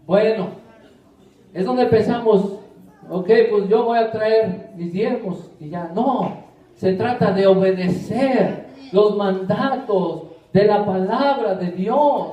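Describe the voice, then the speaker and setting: Man, sermon, very slow, drawn-out emphatic preaching, roomy echo. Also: sits high, mellow. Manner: repeatedly addresses listeners as brothers, drawn-out emphatic delivery. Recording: echoey room, voice from a distance.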